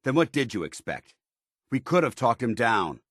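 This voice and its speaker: A man playing a stern, loyal military paladin officer in a video game, with a deep, gravelly voice and a clipped, formal delivery. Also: sing-song, moderate pace, a bit bright, no echo, studio quality. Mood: angry, reproachful. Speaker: video game companion character. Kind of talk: scripted video game dialogue.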